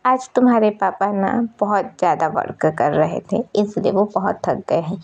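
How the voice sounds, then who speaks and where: A woman voicing a gentle, protective young father who speaks reassuringly in a storybook reading. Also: medium pitch, lively intonation, normal speed, vocal fry. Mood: tender. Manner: tender, reassuring. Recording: dull lo-fi recording.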